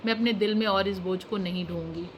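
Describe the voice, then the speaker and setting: A woman's voice: mid-range voice, steady tone, fast talker, slight background noise. A woman YouTube reaction creator ranting straight to camera, scolding and indignant, repeating phrases for emphasis. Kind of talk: emotional direct-to-camera rant.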